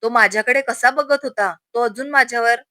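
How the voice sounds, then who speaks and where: A woman's voice: on the high side, a little fast, pushed and bright, no echo, clean studio sound. A woman voicing a heartbroken young woman who questions herself in a wistful inner monologue.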